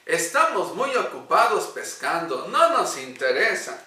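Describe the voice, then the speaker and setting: A man voicing greedy, indifferent fishermen who haggle loudly over a price. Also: sits high, fairly even intonation, slow pace, creaky, voice pushed up, full character voice. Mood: dismissive. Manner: loud, dismissive haggling. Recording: echoey room, distant mic.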